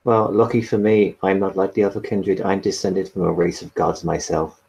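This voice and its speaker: A man's voice: low voice, flat delivery, normal speed, vocal fry, a little mellow, poor audio. A man role-playing his character in a tabletop game in a put-on, wavering Irish accent, blunt, sardonic and sweary. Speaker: player.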